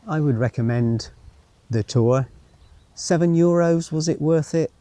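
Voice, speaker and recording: A man with a voice on the high side speaks at a measured pace in a warm tone; the recording is dry. A travel vlogger, he walks outdoors around a former military town, musing to himself unscripted with wry asides and occasionally reading signs aloud.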